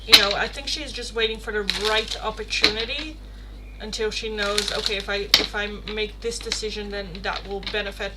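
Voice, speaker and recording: This woman's voice is mid-range, and she talks at a moderate pace. She's a native Dutch speaker from the Netherlands, casually chatting with viewers on her live tarot stream, expressive, talkative and playfully profane, with background noise clearly present.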